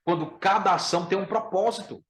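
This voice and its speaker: Brazilian preacher in an echoey room. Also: male voice, sits high, brisk. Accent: Brazilian Portuguese. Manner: emphatic, repeats key phrases, addresses listeners as brother. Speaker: pastor teaching a class. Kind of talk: Bible lesson.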